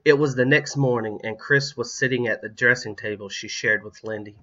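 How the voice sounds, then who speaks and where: Bright-voiced man reading a storybook. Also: fairly low pitch, muffled recording. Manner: steady, plain reading with small slips. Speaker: audiobook reader. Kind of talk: storybook narration.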